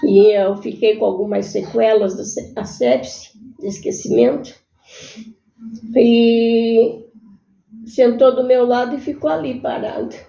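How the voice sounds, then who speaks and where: A woman telling her own life story in a halting, earnest way. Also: fairly high pitch, fairly even intonation, gravelly, dark tone, soft background music. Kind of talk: personal storytelling. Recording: echoey room, muffled sound.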